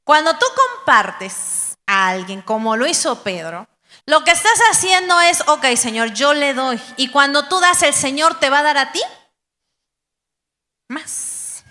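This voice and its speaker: A woman pastor delivers a lively sermon from the pulpit, slipping into quoted voices of believers. Her voice sits high and bright. The live church recording carries a long hall reverb. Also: normal speed. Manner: animated preaching, acting out quoted voices of believers.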